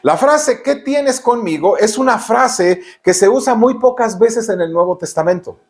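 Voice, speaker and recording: High-voiced Mexican preacher, emphatic. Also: male voice, expressive, a little slow, a little mellow. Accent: Mexican Spanish. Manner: emphatic preaching, frequent rhetorical questions to the congregation. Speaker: pastor. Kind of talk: sermon.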